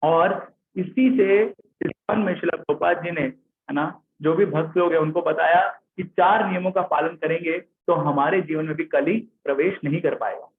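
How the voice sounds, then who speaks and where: High-voiced man telling a devotional story. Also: normal speed. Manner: lively, checks in with listeners, reads out chat names. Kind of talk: devotional story sermon streamed live. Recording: tinny phone-like sound.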